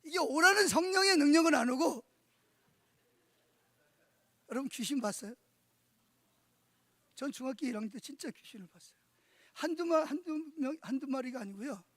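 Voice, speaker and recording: A middle-aged male pastor preaching a sermon at a church conference, telling stories in an animated way and often asking the congregation rhetorical questions. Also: very high voice, normal speed, long pauses, no echo.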